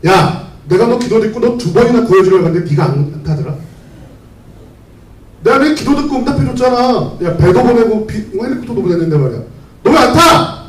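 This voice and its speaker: An exasperated God scolds bluntly in a casual, lively voice, as a man puts him on. The rebuke sounds half teasing. It echoes in a roomy hall and is heard from a distance. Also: high-pitched, fairly quick. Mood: exasperated scolding.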